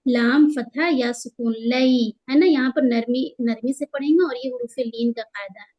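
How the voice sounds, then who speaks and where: A woman teaching Quran tajweed, patiently explaining the rules and slowing down to stretch out each recited word. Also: on the high side, mellow, lo-fi sound. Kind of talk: tajweed lesson, spelling out letters and drawing out recited words.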